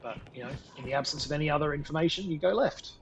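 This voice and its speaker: A man's voice: a little high, very fast, gravelly, dull audio, background noise. A man hosting a gameplay video, reading the text of a digital gamebook aloud and breaking off for dry, sarcastic asides.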